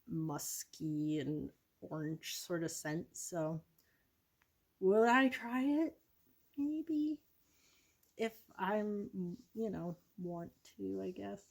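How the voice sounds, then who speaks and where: Woman chatting on her vlog, slow unhurried talk, keeps going um and correcting herself. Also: fairly low pitch, darkish tone. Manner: rambling, self-correcting, lots of ums. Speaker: vlogger. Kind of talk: casual product chat.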